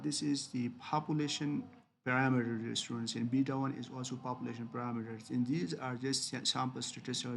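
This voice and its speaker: A man teaching a business class, his voice gravelly and pitched in the middle range. He keeps calling out to "dear students" and checking "okay?", and he leans hard on key terms. Faint noise sits under the recording. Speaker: business lecturer. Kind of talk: recorded lecture with screen demo.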